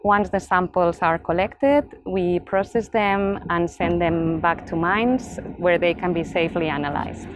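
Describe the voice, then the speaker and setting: A woman's voice: lowish voice, unhurried, hardly any pauses, noisy background. A woman scientist demonstrating a sampling instrument in careful, technical terms. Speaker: research scientist. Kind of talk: demonstrating equipment.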